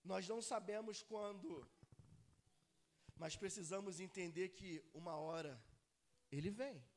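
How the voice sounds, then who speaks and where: A man. He calls out to the congregation for answers and swings between ringing cries and quiet, hushed asides. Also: high-pitched, measured pace. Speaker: pastor. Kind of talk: live sermon. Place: church service.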